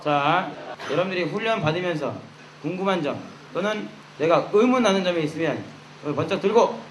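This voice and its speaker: A man's voice: sits high, animated, brisk. Male military instructor in echoey room. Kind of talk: instructing recruits, question and answer. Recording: echoey room with clear background noise.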